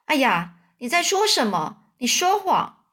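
Brief: woman doing a loud, high, scolding con-man duke in a storybook reading. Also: big pitch swings, a little slow, heavily acted. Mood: furious. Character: hot-tempered male con man posing as a duke.

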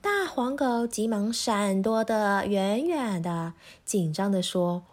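A woman teacher reading a children's story aloud in a gentle, clearly paced way. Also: medium pitch, expressive, slow pace.

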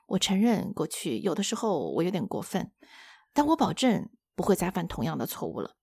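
A woman voicing a clinging lizard in a storybook retelling, coaxing and pleading in a much lower voice than her own. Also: big pitch swings, fairly quick, creaky, darkish tone, slightly rough, no room sound, clean studio sound, full character voice. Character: wheedling lizard clinging to its host.

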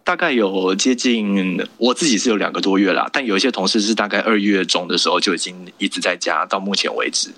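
A man's voice: low-pitched, fairly quick, hardly any pauses, sharp tone. A man with a Taiwanese accent chatting casually and playfully as a podcast guest, dropping in Singaporean slang particles. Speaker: interview guest, radio station worker. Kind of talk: casual remote podcast chat.

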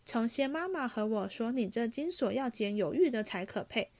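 A woman voicing a rash, hot-headed young nobleman who shouts in fast, angry bursts. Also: fairly high pitch, lively intonation. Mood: taunting.

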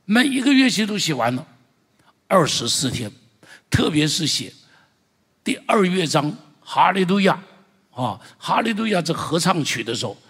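A middle-aged male pastor giving an impassioned sermon, with loud exclamations and calls for the congregation to repeat after him. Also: fairly high pitch, big pitch swings, normal speed, pauses often, husky. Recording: long church-hall reverb.

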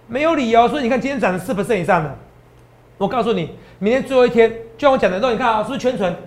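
Rapid-fire boastful Taiwanese stock analyst man. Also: very high voice. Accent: Taiwanese Mandarin. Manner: animated, boastful, lecturing the audience as students. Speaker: stock market analyst host. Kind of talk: fast stock-tips talk show.

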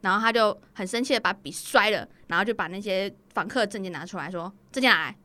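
A woman in a casual chat, teasing the others with quick interjections. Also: medium pitch, bright, forceful tone.

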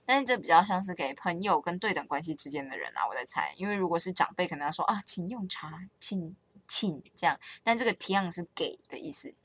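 A woman's voice: lowish voice, big pitch swings, fast, few pauses, fairly bright tone. A young woman with a Taiwanese Mandarin accent chatting casually to her viewers, rambling and correcting herself as she talks. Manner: rambling, self-correcting, playful. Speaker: vlogger. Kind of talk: casual chat to camera.

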